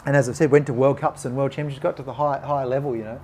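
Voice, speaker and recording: A man's voice: mid-range voice, very fast, slight background noise. A man, a podcast guest telling a personal story and acting out the voices of people in it. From Australia. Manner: animated, acts out quoted voices.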